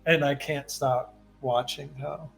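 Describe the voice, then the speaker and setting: A man's voice: medium pitch, steady tone, takes it slowly, gravelly, faint music behind. A man co-hosting a casual livestream, goofy and casual. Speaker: developer advocate, co-host. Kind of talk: casual group livestream chat.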